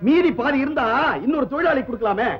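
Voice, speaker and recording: A man's voice: extremely high pitch, lively intonation, fast talker, soft background music. An actor playing a pompous husband who keeps switching political parties, speechifying in a 1970s film comedy. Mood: boastful. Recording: dull old film soundtrack.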